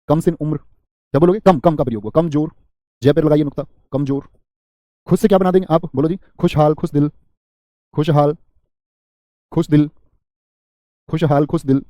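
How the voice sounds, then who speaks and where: A man runs a live exam-prep grammar class, repeating words over and over and putting questions to his students. His voice sits a little high for a man but sounds mellow and warm. The sound is dry and close, with no room around it. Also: no echo. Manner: drills word lists, quizzes students, reads chat comments, jokes.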